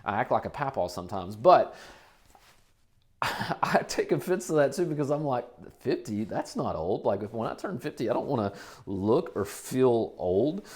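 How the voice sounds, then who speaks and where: Forties male pastor, middle-pitched voice, relaxed and conversational from the pulpit. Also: moderate pace. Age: 40s. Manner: conversational, repeats phrases for emphasis. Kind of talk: sermon. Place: church.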